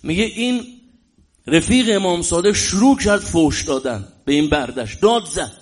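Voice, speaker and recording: A man preaching a religious sermon in an emphatic way, often rising into loud exclamations. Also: high voice, animated, slightly rough, faint music behind.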